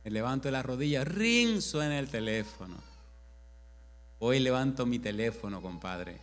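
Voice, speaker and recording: A man's voice: mid-range voice, animated. A man preaching as pastor in a church, telling a story animatedly and acting out the other people's words in dialogue. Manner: slow emphatic altar call. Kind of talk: sermon with acted-out anecdote.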